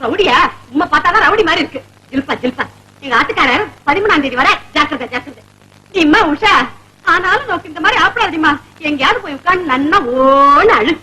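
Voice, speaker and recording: A woman's voice: sits high, expressive, a little fast, bright, forceful tone, slight background noise, rough recording. A bossy, meddling neighbor woman. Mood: indignant. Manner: bossy, gossipy, theatrical exclamations. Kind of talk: 1970s Tamil film comedy acting.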